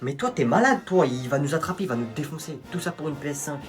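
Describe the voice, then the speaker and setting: A man's voice: fairly high pitch, animated, fast, faint music behind. A man playing hesitant, flustered characters in comedy sketches.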